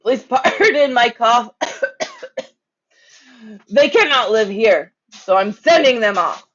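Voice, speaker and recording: A reader voicing a small, scolding old tree-guarding creature from a storybook, croaky, indignant and emphatic. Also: mid-range voice, expressive, slow, a bit bright, dull audio, voice pushed up. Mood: indignant, pleading. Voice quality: coughing, croaky.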